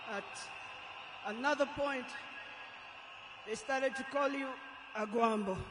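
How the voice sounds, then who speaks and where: A woman with a Kenyan accent delivering a solemn, emotional eulogy as a tearful goodbye, measured and deliberate with long pauses. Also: high-pitched. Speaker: eulogist, daughter of the deceased. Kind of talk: solemn funeral eulogy speech. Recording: echoey public address, faint noise.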